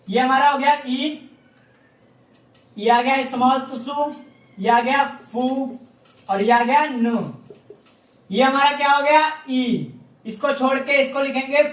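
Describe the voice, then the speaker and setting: A man's voice: extremely high pitch, a bit bright. A man teaching an online class, often asking a question and then answering it himself for learners to repeat. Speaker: Japanese language teacher. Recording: echoey room, mic far off.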